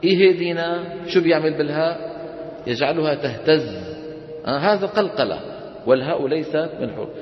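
A man's voice: a little high, lively intonation, brisk, long pauses. Man teaching in an echoey hall. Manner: questioning, drilling students call-and-response. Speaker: Quran recitation teacher. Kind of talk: classroom instruction. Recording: echoey hall, dull sound.

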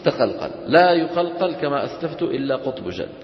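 A man's voice: medium pitch, sing-song, fast. Man teaching in an echoey hall. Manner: questioning, drilling students call-and-response. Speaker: Quran recitation teacher. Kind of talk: classroom instruction. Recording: echoey hall, dull sound.

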